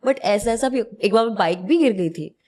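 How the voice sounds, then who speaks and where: A young woman, a TV actress, chatting as a guest and telling lively stories from the set, mixing English phrases into her speech. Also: medium pitch, normal speed. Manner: animated storyteller, mixes in English phrases. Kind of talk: casual interview chat.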